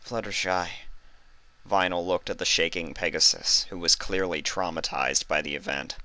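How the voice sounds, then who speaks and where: Reading fan fiction as though from a script, a man speaks in a deep voice at a normal pace. There's a bright, forceful edge to his delivery, and the recording is close and very dry.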